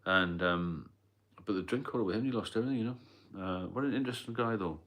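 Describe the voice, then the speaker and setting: A man's voice: on the low side, fast talker, a bit bright. A man hosting a casual livestream, plain-spoken and rambling, answering viewer comments as he goes. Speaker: livestream host. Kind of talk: casual live-stream chat.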